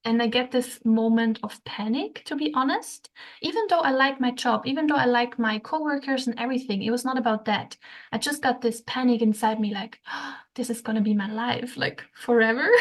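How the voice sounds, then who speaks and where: A young woman, a podcast guest telling her story in a soft, hesitant way with frequent fillers and light laughs. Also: fairly high pitch, moderate pace. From Switzerland. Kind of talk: casual interview chat.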